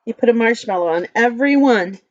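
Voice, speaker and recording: A woman's voice: a little high, expressive, quick pace, no room sound, dull audio. A woman leading circle time as a teacher, talking and reading to toddlers in simple, repeated phrases and questions. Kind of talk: reading and singing along to young children.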